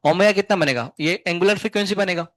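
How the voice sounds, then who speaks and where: A male physics teacher with a high-pitched voice, firing short questions at his class and then talking them through the answers. The sound is dry and close, with almost no room echo. His talk is chatty and a little scolding. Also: a bit bright. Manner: chatty, scolding then explaining, asks students many quick questions; hums tunes to show wave shapes. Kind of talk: live classroom lecture.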